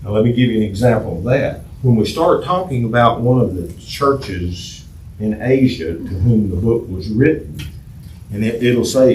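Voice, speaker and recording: A man's voice: fairly low pitch, darkish tone. A man teaching a church Bible class in a conversational way, repeating himself and asking the class questions. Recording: echoey room from far off, faint noise.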